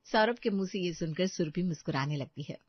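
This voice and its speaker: A woman narrating an animated family story, engaging and speaking directly to the listeners. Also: on the low side, fairly quick, no echo. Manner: warm, engaging, addresses listeners. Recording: dry, slightly dull lo-fi audio.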